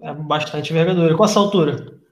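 An upbeat Brazilian man hosts a casual live chat, greeting viewers and passing along their questions. His voice is pitched a little high for a man, and it rings in a roomy, echoey space. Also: fast talker. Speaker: interview host reading viewer questions. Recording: roomy echo.

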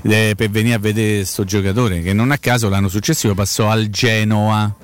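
A man's voice: lowish voice, steady tone, normal speed, clear, resonant tone. A man with a Roman accent chatting casually about football as a talk show host, colloquial, repeating himself for emphasis.

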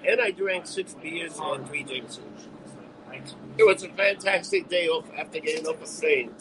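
A New York man with a New York accent hosts a casual bar-talk podcast, brashly swearing and rambling through stories. His voice is fairly high and his pace moderate. A crowd is audible behind him, and the audio is poor.

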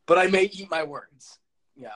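A man co-hosting a casual sports podcast over an online call that cuts in and out with glitchy, robotic pitch jumps. He talks loosely with lots of fillers. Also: fairly bright tone. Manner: loose, filler-heavy talk with laughs. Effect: glitchy internet call audio, cutting in and out with robotic pitch jumps. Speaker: podcast co-host.

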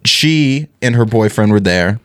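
Young dude comedian chatting on a podcast, pitch jumps all over, laughs a lot. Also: male voice, unhurried, clear, resonant tone. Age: 20s. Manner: laughing often, animated storyteller. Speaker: guest comedian. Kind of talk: casual podcast chat.

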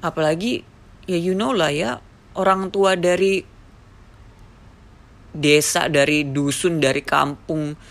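Gravelly-voiced earnest storyteller from Papua. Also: mid-range voice, slow, pauses often. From Papua, Indonesia. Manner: earnest, emotional storyteller who acts out quoted dialogue. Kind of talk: personal storytelling to camera.

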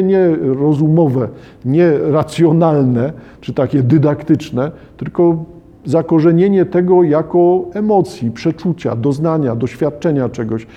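Dark-voiced man musing on literature. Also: a little high. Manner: thinks aloud, rephrasing and questioning himself. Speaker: podcaster discussing a children's novel. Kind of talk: reflective literary commentary with read-aloud passages.

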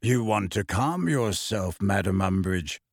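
Man doing a deep, slow-talking tall man. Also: animated, vocal fry, dry recording, clean studio sound, exaggerated voice. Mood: calming.

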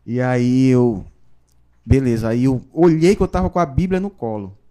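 A man, a pastor giving his conversion testimony in a podcast interview, telling it in a lively storytelling way with frequent tag questions. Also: mid-range voice, moderate pace. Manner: storytelling, animated, frequent "né?" tags.

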